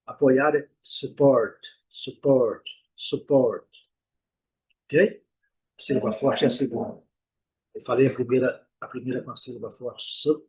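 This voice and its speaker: A Brazilian man teaching English pronunciation in an online lesson, explaining patiently and repeating each word slowly to drill it. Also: fairly high pitch, slightly rough, rough recording. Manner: drills words by slow repetition; explanatory, with rhetorical check-ins.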